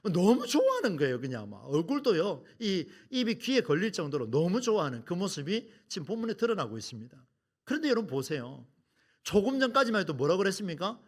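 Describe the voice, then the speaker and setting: A man's voice: sits high, big pitch swings, fast talker. A middle-aged male pastor preaching a sermon, acting out complaints and asking the congregation rhetorical questions. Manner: dramatic, acts out quoted complaints.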